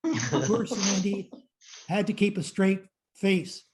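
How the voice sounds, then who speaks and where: A man's voice: high voice, slow. An older man, a guest, reading a prepared anecdote in a dry, understated way. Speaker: guest sharing a memory.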